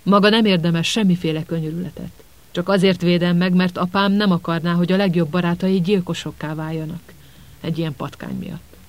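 A man's voice: sits high, fairly even intonation, no room sound, lightly acted. A man voicing a determined teenage boy wizard who speaks breathlessly and firmly. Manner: breathless, firm.

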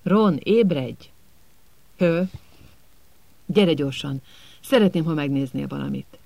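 A man reading an audiobook, voicing a teenage boy wizard in a hushed, urgent tone. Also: on the high side, creaky, no echo.

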